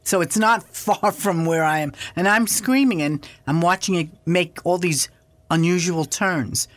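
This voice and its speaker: A woman's voice: on the low side, a little slow, no echo. Older lady guest spinning a story, acts out the voices, dry sound. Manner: animated, acts out past dialogue. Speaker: interview guest. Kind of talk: casual storytelling interview.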